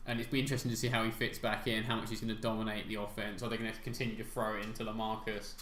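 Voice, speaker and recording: Fast-talking English man, roomy sound. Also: lowish voice, level tone, fairly bright tone, slight background noise. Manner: quick, confident opinions. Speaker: podcast co-host. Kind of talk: casual sports chat. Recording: roomy home recording.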